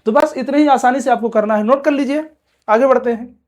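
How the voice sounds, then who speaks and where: A male chemistry teacher delivers an exam-prep lecture in an extremely high, slightly fast voice with a darkish tone. He poses questions aloud and answers them himself, repeating key terms several times over and constantly urging students to pay attention.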